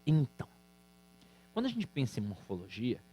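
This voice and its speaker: A man with a Brazilian Portuguese accent teaching an exam-prep grammar lesson, lively and emphatic, speaking straight to his students. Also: mid-range voice, moderate pace. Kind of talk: recorded online exam-prep lecture.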